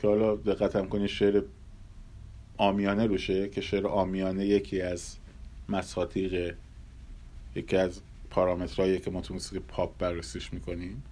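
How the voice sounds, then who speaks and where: A man giving a measured lecture on Persian classical music, pausing often and sometimes humming melodies to illustrate. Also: low-pitched, monotone, mellow. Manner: hums and scats melodies to illustrate; measured, thoughtful delivery with pauses.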